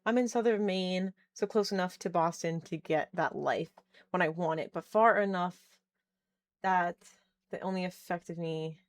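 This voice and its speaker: A woman in her thirties chats casually on a live stream at home, laughing often and reading the chat aloud while she tinkers with a keyboard indoors. Her voice is lowish and her pace normal.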